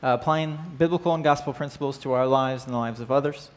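A man with a mid-range voice speaks at a quick pace, teaching a church class casually and conversationally. He opens with prayer, asks the class questions, and often checks in with frequent "right?" and "uh," speaking indoors on a church stage with band gear.

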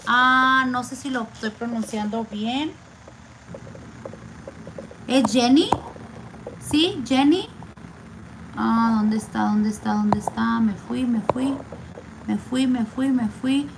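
Slow-talking woman vlogger drawing raffle names. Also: a little high, creaky, noisy background. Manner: slow, chatty, drawn-out name reading. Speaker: vlogger running a giveaway raffle. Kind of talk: casual live raffle chat.

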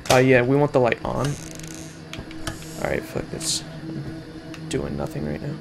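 A man in his twenties gives casual commentary as a scared horror game streamer. His voice sits at a middling pitch with plenty of creaky fry. He mutters, swears and reacts jumpily over clear game music. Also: flat delivery, measured pace. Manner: frequent swearing. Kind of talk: casual let's play commentary. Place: indoor room at home, webcam view.

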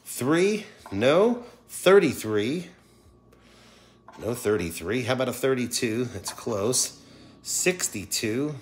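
A man's voice: mid-range voice, big pitch swings, slow. A middle-aged man giving casual, chatty livestream commentary to his viewers. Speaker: livestream host scratching lottery tickets. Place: indoors at a wooden table.

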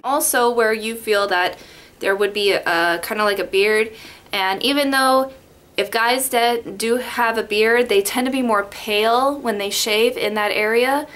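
Talking through a makeup tutorial in her bedroom, a young beauty vlogger from Las Vegas rambles chattily into the webcam in front of her. She has a mid-range voice with a fairly bright tone.

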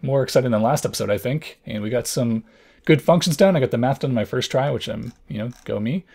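A young man with a hoarse, worn voice, hosting a casual programming tutorial and thinking out loud as he explains. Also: medium pitch, expressive, fast talker. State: hoarse from lost voice.

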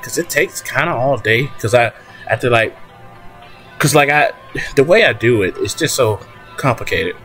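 A young man whispering hesitantly to his viewers at home at night, with lots of restarts and fillers, so he won't wake family next door. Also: medium pitch. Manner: whispering softly. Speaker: channel host. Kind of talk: casual talk to viewers.

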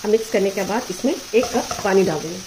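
A woman hosts a cooking lesson in a home kitchen, giving measured, methodical steps and checking in with her viewers. Her voice sits at a middle pitch, with faint sizzling and stirring behind it. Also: background noise. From Pakistan. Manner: calm, methodical, checks in with "ठीक है". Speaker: cooking show host. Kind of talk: step-by-step recipe instruction. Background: frying and stirring sounds.

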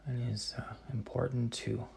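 This Canadian painter, in his thirties, answers live-chat questions in an easygoing way, with a creaky mid-range voice at a moderate pace and a little hiss or hum in the audio. He thinks aloud with many ums and restarts, and some words are sharply articulated.

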